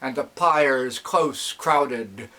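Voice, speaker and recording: A man narrating epic poetry in dactylic verse, with a measured, declamatory delivery that follows the metre. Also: mid-range voice, sharp tone. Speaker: reciter, narrator.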